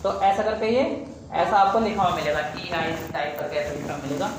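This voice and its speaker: A man's voice: sits high, brisk, background noise. Man teaching in a very echoey room. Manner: keeps addressing viewers as "guys", stretching and repeating demo sounds. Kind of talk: casual video lesson.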